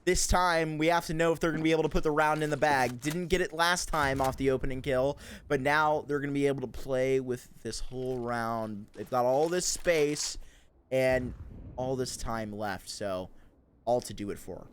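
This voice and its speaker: A man's voice: medium pitch, moderate pace. A man giving esports caster commentary on a shooter match, with showy, idiom-heavy phrasing. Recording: faint noise and clicks behind. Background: clicks and faint noise.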